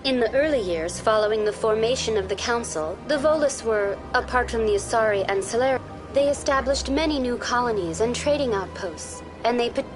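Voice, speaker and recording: A woman voicing a smooth, polite female virtual-intelligence tour guide in a video game, calm, formal and too smooth, like an android. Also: fairly high pitch, fairly quick, natural voice. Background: music.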